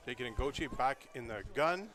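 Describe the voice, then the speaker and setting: A man's voice: medium pitch, lively intonation, unhurried, background noise. A man giving live color commentary from a stadium booth, opinionated and loose, with lots of fillers. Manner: chatty, opinionated, full of fillers. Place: press booth at an outdoor stadium.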